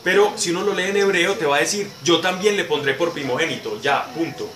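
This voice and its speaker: Male Bible teacher explaining to a class, somewhat high voice, heard from a distance in an echoey, noisy room. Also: a little fast. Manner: explanatory, answers questions, repeats words for emphasis.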